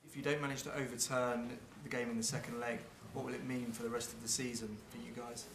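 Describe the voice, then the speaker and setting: A man asking a press conference question, quick and plain, heard from a distance. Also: medium pitch, little pitch movement. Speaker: journalist. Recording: distant echoey mic with loud noise.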